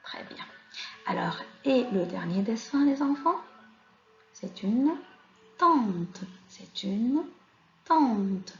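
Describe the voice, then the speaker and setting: A woman's voice: a little high, expressive, takes it slowly, vocal fry, mellow, slight background noise. A woman teaching a reading lesson to children, patiently spelling out syllables and asking the children questions. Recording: slightly dull sound with faint music.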